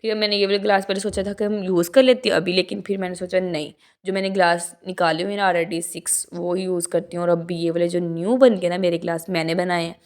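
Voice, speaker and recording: A woman's voice: lowish voice, level tone, fast, few pauses, a little mellow. A young woman from Pakistan telling a rambling, chatty story as a vlog voice-over, tired from talking so long. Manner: rambling and chatty, with frequent restarts and asides. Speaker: vlogger.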